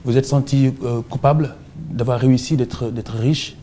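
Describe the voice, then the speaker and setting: A man interviewing a guest on television, asking long questions in a halting way. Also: medium pitch, steady tone, dark tone, slight background noise. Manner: hesitant, halting questions with fillers and restarts.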